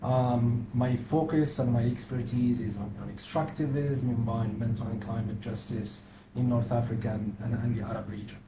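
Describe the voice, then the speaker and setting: A man's voice: mid-range voice, flat delivery, moderate pace, hardly any pauses. A man from Algeria speaking firmly and declaratively as a panel speaker. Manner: firm, declarative. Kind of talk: panel talk. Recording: echoey room, faint noise.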